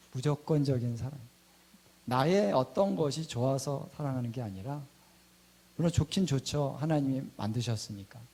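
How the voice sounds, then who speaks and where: A middle-aged pastor preaching in a mellow, warm voice. He tells his story in a lively way and drops to a hushed tone when he quotes prayers. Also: mid-range voice, husky. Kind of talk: sermon with personal testimony.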